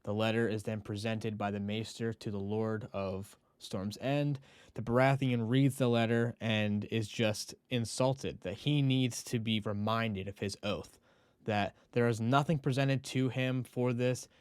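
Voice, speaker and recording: A man's voice: lowish voice, measured pace, clear, resonant tone, no room sound. Man recapping a show in a dry close voice. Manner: animated storytelling, acting out characters' lines. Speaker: podcast host. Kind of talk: casual recap of a TV episode.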